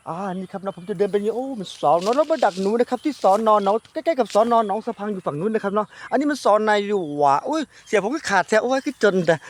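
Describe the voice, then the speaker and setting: A man with an Isan Thai accent, vlogging outdoors in a grassy field with rambling, crude, self-mocking jokes. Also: high voice. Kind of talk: joking outdoor vlog banter.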